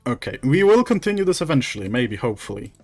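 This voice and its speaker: A man hosting a casual chat on a voice call, quick and loose, with lots of fillers and small laughs. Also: medium pitch, big pitch swings, a little mellow, soft background music. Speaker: host. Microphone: voice call headset or desk mic.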